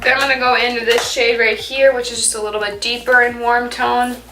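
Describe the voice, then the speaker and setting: A teenage girl, working as a beauty vlogger, chats casually through her makeup routine, saying "like" a lot and letting thoughts trail off. Her voice sits on the high side, with a flat delivery and a fairly quick pace. The room is echoey, and faint music plays in the background.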